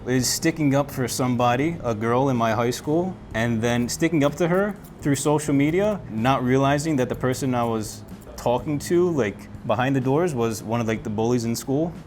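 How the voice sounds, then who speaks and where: A man's voice: medium pitch, moderate pace, a little mellow, soft background music. A man hosting a casual chat, easygoing and asking questions. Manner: easygoing, laughs along, asks questions. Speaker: host.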